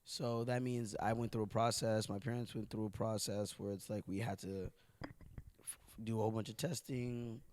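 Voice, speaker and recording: A young man from Haiti chatting on a podcast, explaining at length and getting animated when he tells stories. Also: on the low side, moderate pace, slight background noise. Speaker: podcast co-host. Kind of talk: casual podcast chat.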